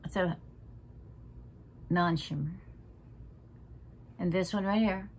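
Speaking slowly in a lowish voice, a makeup vlogger in her 60s talks through a casual tutorial in her living room, frank and feisty, now and then lowering to a half-whisper. She's recorded by a camera close in front, with a little hiss or hum.

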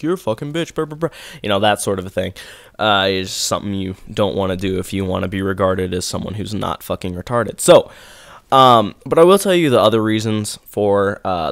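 Teen male gamer, congested sore-throat voice, lowish and smooth, dry close sound, subdued rambling delivery. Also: fairly bright tone, no room sound. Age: teens. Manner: subdued, rambling, many fillers. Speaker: gaming video creator. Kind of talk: casual talk to camera over gameplay.

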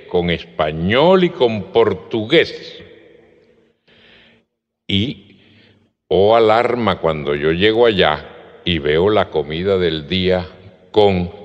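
Lively Caribbean Colombian man telling stories. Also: low-pitched. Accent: Colombian Caribbean coast. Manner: animated, spells words out slowly, laughs often. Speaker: storyteller among friends. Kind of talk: casual storytelling conversation. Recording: reverberant hall, dull lo-fi sound.

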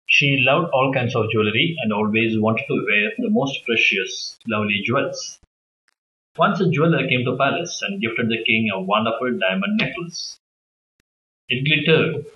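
A man reading a children's story aloud in a halting, uneven way. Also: medium pitch, bright, forceful tone, echoey room, dull audio. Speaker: storybook reader.

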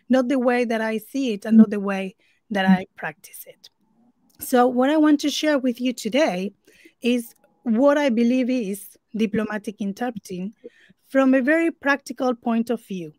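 A woman's voice: fairly high pitch, normal speed, darkish tone, no room sound. A woman from Argentina whose first language is Spanish, speaking English as an interpreter giving an earnest conference talk over a video call, with fillers and restarts.

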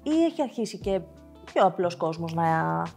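A woman's voice: fairly low pitch, sing-song, creaky, darkish tone, faint music behind. Woman TV host asking questions. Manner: curious, asks follow-up questions. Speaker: TV show host. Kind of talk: TV talk show interview.

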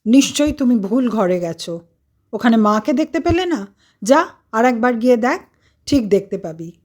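A woman's voice: on the high side, lively intonation, slow pace. A woman voicing a devout middle-aged mother who speaks firmly and scolds her son, in a devotional story. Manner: firm, scolding.

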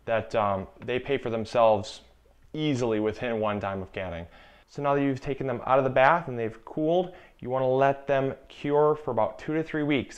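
On a lo-fi recording, a young man with a mid-range voice demonstrates canning in a home kitchen, speaking into a lapel mic. He's in his twenties and hosts a gardening channel, and this casual cooking demo is chatty and instructive. He repeats the key warnings.

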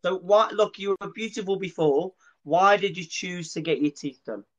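A man's voice: high-pitched, moderate pace. Friendly rambling male interviewer. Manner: friendly, rambling, restarts questions. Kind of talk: casual interview.

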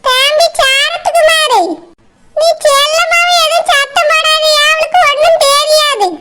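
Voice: very high voice, little pitch movement, moderate pace. A performer voicing a stubborn, scheming older village mother-in-law in a cartoon, speaking with a Tirunelveli Tamil accent in a defensive, pleading way. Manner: defensive, pleading, talks at length. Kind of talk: cartoon voice acting. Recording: loud background noise.

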